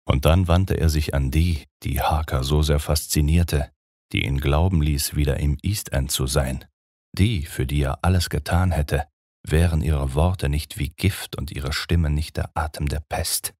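A man narrating a gothic audiobook in a dramatic, measured storytelling manner. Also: a bass voice, fairly even intonation, a little mellow, no echo, studio quality.

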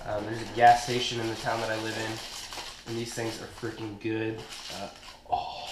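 Casual young man, echoey and noisy room. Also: fairly low pitch. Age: young adult. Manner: informal, slangy. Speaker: fitness vlogger. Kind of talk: casual vlog chat to camera. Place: home kitchens and a gym, indoors. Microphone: action camera at a short distance. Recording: roomy echo, clear background noise.

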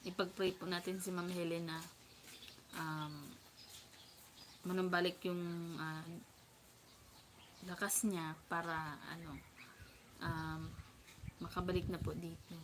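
Woman vlogger, soft and quiet, slow unhurried delivery, apologetic, reading shout-outs with birds behind her. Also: lowish voice, little pitch movement, background noise. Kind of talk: casual livestream chat. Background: birdsong and outdoor ambience.

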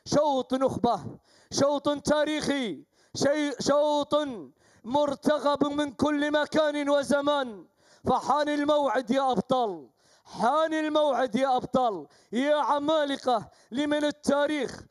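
A male commentator with a Gulf Arabic accent calls a falconry race live. His voice sits very high, and he chants names and rallying cries in repeating bursts. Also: measured pace. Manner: chanting, repetitive exclamations.

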